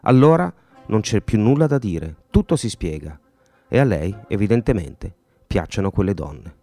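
A man's voice: very animated, moderate pace, dark tone, dry recording. A man reading aloud and voicing a scornful, jealous middle-aged mother who gossips with sarcasm in an audiobook. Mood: ironic fury. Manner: shrill, sarcastic, spiteful gossip. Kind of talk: audiobook character voice.

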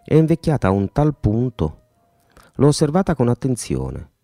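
A man's voice: huge pitch swings, normal speed, warm tone, no echo. A man doing a spiteful, jealous mother. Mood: gossipy scorn. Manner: shrill, sarcastic, spiteful gossip. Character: scornful jealous middle-aged mother, gossiping. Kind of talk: audiobook character voice.

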